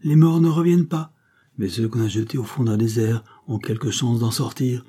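A man's voice: fairly low pitch, moderate pace, dark tone, husky. A man reading an audiobook, voicing a cold, vengeful male captain who speaks with scorn. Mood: icy scorn. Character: icy vengeful male captain back from exile.

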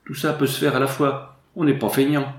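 A man voicing a loud, jovial young country soldier who talks bluntly and boisterously. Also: little pitch movement, fairly quick, reverberant, lightly acted. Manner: boisterous, booming country talk.

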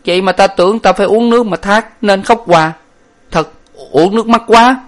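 Man doing a shrill blubbering young servant. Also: moderate pace, fairly bright tone. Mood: relieved. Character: young male servant, timid and wailing.

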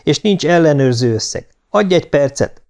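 A man's voice: on the high side, lively intonation, darkish tone, voice pushed up. A man voicing an anxious female technician. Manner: quick, worried reports.

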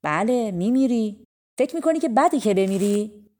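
A bold and clever storybook prince who gives orders in a firm, unhurried voice, voiced by a woman narrator. He sounds stern toward the devil and earnest when advising others. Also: fairly high pitch, animated, a little mellow, close to an everyday voice. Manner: commanding, deliberate.

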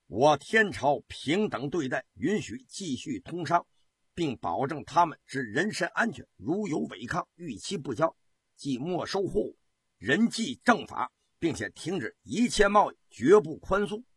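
A man's voice: on the high side, sing-song, measured pace, fairly bright tone, husky, no echo, full character voice. A man doing a formal military commander reporting. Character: loyal military commander, middle-aged man, businesslike.

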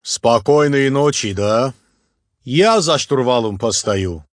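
A male narrator voicing a big, cheerful, good-natured boat skipper who talks slowly and tags phrases with a questioning "da?". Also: mid-range voice, expressive, no echo, pitched above the performer's own voice. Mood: calm. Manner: slow, drawn-out, ends phrases with a questioning "da?". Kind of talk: audiobook character voice.

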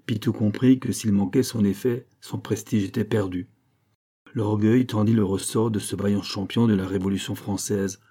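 In a husky, low voice, a man reads a classic novel aloud as an audiobook narrator. His scripted delivery is measured and expressive.

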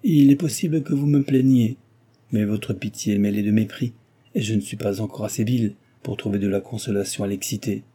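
A man reading the lines of a proud young heiress in a storybook reading, with a dignified, pained and pleading delivery in a deep, husky voice. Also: brisk, dark tone. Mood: bitter.

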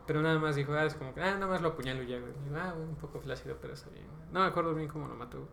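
A man's voice: fairly high pitch, rapid-fire, creaky, a little hiss or hum. A man with a Mexican accent casually retelling a tabletop game session on a podcast, slangy and full of fillers. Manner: slangy, filler-heavy, ends phrases with "güey"; rambling, animated retelling with bursts of laughter. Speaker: podcast host. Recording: roomy echo, faint background ambience.

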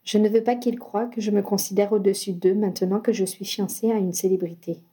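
A woman reading a lively young woman, a sports star, in an animated, teasing way for an audiobook. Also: medium pitch, a little fast, lightly acted.

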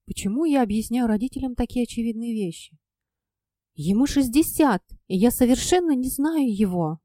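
A woman's voice: on the high side, expressive, normal speed, dark tone, no room sound, clean studio sound, close to an everyday voice. A woman voicing a frightened, tearful young noblewoman who speaks in a thin, trembling voice. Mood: pleading.

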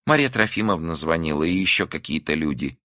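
A man voicing a middle-aged mother who speaks softly and falteringly, shaken but relieved and tender toward her son. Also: rumbling low, animated, brisk, dry recording, studio quality, full character voice. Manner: soft, faltering. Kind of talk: audiobook dialogue.

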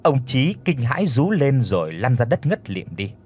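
Guy reading a horror audiobook, husky, lots of pitch movement. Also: normal speed. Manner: expressive, steady storytelling. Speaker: audiobook narrator. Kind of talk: scripted horror story narration.

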